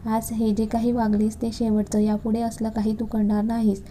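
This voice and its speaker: Woman doing a bossy young husband, harsh threats, flat dark voice, story reading. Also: on the high side, moderate pace, slight background noise, close to an everyday voice. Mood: stern. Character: angry domineering young husband.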